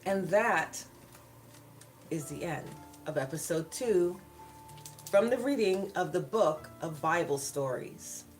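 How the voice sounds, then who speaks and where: Hosting her channel's read-aloud of children's Bible stories, this storyteller speaks slowly in a fairly low, expressive voice and chats casually with viewers between passages. Gentle worship music runs underneath.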